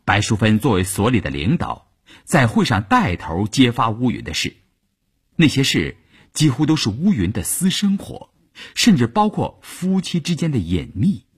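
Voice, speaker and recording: A man narrating an audiobook novel in a dramatic, expressive reading style. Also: mid-range voice, moderate pace, husky. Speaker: storyteller.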